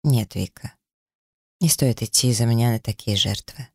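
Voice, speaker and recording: A man's voice: mid-range voice, normal speed, breathy edge, no echo, studio quality. A man voicing a withdrawn, guarded man in an audiobook, speaking in a subdued, heavy way. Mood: weary. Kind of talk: audiobook character reading.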